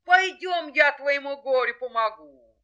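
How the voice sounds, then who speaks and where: A woman voicing a bold rooster who crows loudly and fearlessly announces himself. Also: high-pitched, expressive, unhurried, highs cut off, voice pushed up, exaggerated voice. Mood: bold crowing. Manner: loud crowing, proud and fearless. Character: bold, loud rooster hero with a scythe.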